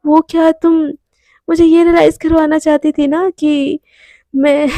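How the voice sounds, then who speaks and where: A woman's voice: high voice, flat delivery, takes it slowly, mellow, no echo. Woman playing a heartbroken college girl. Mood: hurt. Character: heartbroken young college woman, hurt and quiet.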